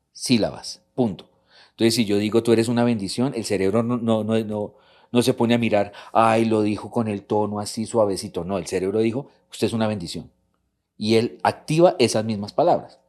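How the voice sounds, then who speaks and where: Man, middle-aged, low voice, church marriage talk, repeats points. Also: normal speed, darkish tone. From Colombia. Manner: teaching, repeats key words. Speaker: couples ministry host.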